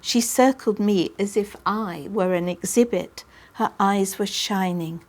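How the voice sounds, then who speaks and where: A woman, reading her own children's book aloud with lively expression. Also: medium pitch, a little slow. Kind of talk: audiobook reading.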